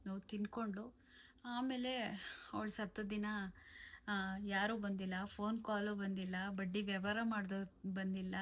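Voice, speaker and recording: A woman telling a personal story of betrayal, aggrieved and emotional, with pauses and restarts. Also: medium pitch. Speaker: vlogger. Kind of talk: personal testimony to camera.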